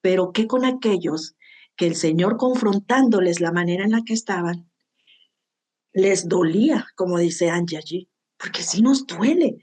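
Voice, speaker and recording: A woman's voice: lowish voice, animated, moderate pace, mellow. Lady teaching bible to a group of women, heartfelt, keeps checking in with the room. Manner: heartfelt, tags lines with "¿verdad?".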